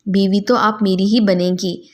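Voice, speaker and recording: Woman reader as a possessive, quick-tempered young man, storybook style. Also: medium pitch, fairly even intonation, close to an everyday voice.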